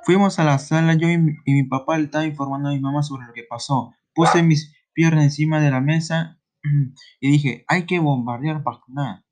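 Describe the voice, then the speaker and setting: A man retelling a story in the first person. He speaks haltingly, with restarts and frequent throat clearing. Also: on the high side, fairly even intonation, a little mellow.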